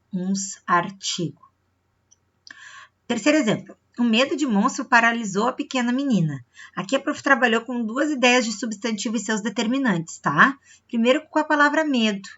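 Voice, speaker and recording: A bright, clear-toned woman teacher walks children through a review lesson. She explains patiently, checks in often and draws out words to show where the stress falls. The recording sounds dull and lo-fi, like a home video. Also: fairly high pitch, animated, normal speed.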